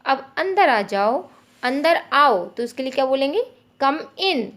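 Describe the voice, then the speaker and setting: A woman's voice: sits high, very animated, measured pace, fairly bright tone. A woman giving a friendly, explanatory home tutorial for parents, acting out little phrases said to a child. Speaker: parenting teacher. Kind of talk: informal Hindi tutorial.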